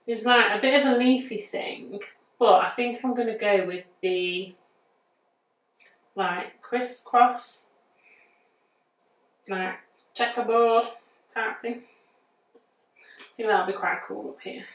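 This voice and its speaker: Speaking slowly with frequent pauses, a woman with a voice on the high side demonstrates a nail art design. She's in her thirties, English, with a northern accent, and her casual step-by-step tutorial is chatty and easygoing as she thinks aloud. The bright indoor studio is recorded roomily through a distant mic.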